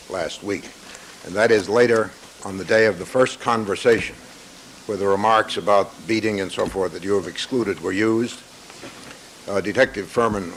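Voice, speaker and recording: A man serving as defense attorney, arguing formally and deliberately to the bench, heard in a courtroom recording. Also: low-pitched, fairly bright tone, a little hiss or hum, low-quality recording. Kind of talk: courtroom argument.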